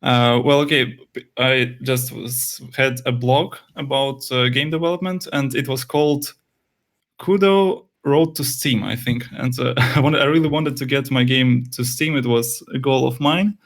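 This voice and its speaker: Speaking at an unhurried pace with fairly even intonation, a young man answers interview questions in a medium-pitched voice. He's a game developer, a native Russian speaker, and he hesitates often, using many fillers and restarts.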